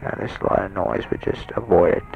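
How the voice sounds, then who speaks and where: A young patient with a deep, gravelly voice talks fairly quickly and evenly, keeping his voice down as he rambles with fillers through an audio letter home. It's a dull lo-fi home tape from a close-held portable recorder mic, with music in the background and other patients talking in the ward.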